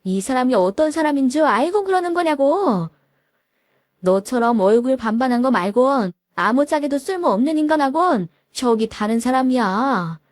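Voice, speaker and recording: Brief: woman playing a cold, sneering rich wife, high voice, dry close read. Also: animated, normal speed, no echo. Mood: contemptuous. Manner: sneering, commanding. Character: haughty, scornful wealthy wife.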